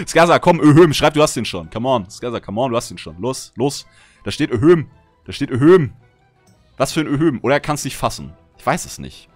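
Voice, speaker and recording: A man from Germany chatting casually while streaming a game, reading out chat messages and swinging between grumbling and excited outbursts. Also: mid-range voice. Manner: reads out chat messages and answers viewers. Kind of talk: casual livestream gameplay chat.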